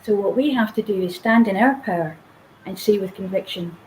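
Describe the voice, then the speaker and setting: A woman's voice: medium pitch, brisk, a little mellow, low-quality recording. Woman giving an emphatic pep talk, acts out the voices in her head, mid voice, a little background hiss. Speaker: guest speaker. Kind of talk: motivational conversation.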